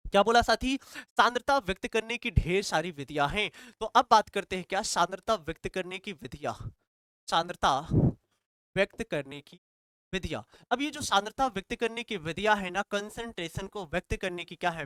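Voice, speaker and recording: A male chemistry teacher lectures in a bright, forceful voice that stays clear and smooth. He drills every point by asking a question and answering it himself. The sound is dry and close. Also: sits high, no echo. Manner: repetitive call-and-response questioning. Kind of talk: classroom lecture.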